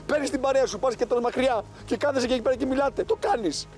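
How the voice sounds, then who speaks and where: A young man on a reality show arguing loudly and indignantly with other contestants outdoors. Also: very high voice, faint music behind. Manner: agitated, loud and indignant. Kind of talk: heated argument. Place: outdoors at a camp.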